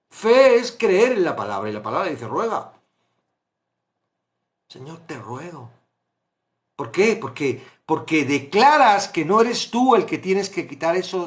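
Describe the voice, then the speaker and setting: A man teaching a Bible study, impassioned, swinging between hushed asides and loud exclamations. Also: high voice.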